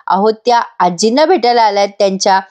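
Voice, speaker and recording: A woman's voice: medium pitch, lively intonation, a little fast, darkish tone, close to an everyday voice. A woman voicing a loyal male house servant who pleads anxiously with his mistress. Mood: pleading.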